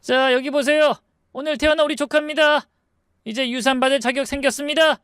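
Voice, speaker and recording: A man's voice: very high voice, a little fast, no echo, studio quality, pitched above the performer's own voice. A man voicing a money-hungry second brother-in-law who talks gleefully about the inheritance. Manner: gleeful, excited.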